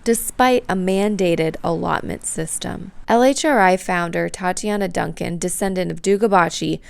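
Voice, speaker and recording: A woman's voice: on the low side, vocal fry, smooth, no room sound. A woman reading scripted narration for a news documentary as the reporter.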